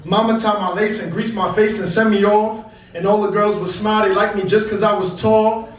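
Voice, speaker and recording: A man in his twenties from Brooklyn gives a poetry reading in a rather high voice. His delivery is rhymed, cadenced and emphatic. The recording is very echoey and picked up from a distance. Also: fairly even intonation, a little fast. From Brooklyn, New York. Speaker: spoken word poet. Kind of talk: poetry reading, rhythmic spoken word performance. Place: indoor cafe stage before an audience. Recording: echoey live venue, distant mic, faint noise.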